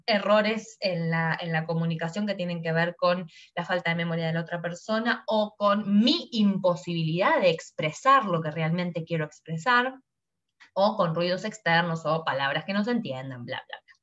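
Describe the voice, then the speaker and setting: A woman's voice: on the low side, normal speed, a bit bright, dull audio. A woman, teaching a lesson and explaining slides, who acts out her examples with a changing tone.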